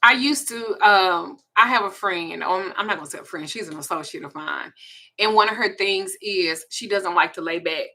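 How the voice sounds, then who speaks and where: A woman's voice: medium pitch, normal speed, bright, forceful tone. A woman in her forties with a Southern US accent, hosting a candid, profane, confiding casual chat. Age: 40s. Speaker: host.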